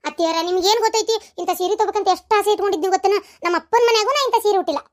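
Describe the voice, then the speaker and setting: A woman's voice: very high-pitched, rapid-fire. A woman doing a sweet-talking young daughter-in-law. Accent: North Karnataka Kannada. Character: young new daughter-in-law, flattering and vain.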